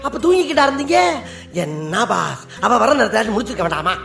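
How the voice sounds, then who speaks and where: An actor playing a cheeky young sidekick who jokes about love and marriage. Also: male voice, high-pitched, very animated, brisk, creaky, over music, exaggerated voice. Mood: teasing. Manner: playful, chuckling, teasing. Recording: echoey room, faint noise.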